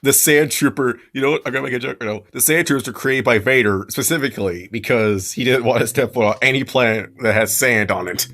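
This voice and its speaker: A man of middle pitch chats and reads on a casual podcast. He rambles, cracks jokes and restarts his sentences as he goes. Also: fast, hardly any pauses, a bit bright. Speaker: podcast co-host. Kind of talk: casual chat and reading aloud.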